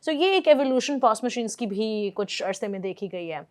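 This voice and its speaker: A woman's voice: on the high side, animated, very fast. A woman with a Pakistani accent speaking as the host of an interview. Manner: switches between English and Urdu. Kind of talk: interview, scripted introduction then conversation.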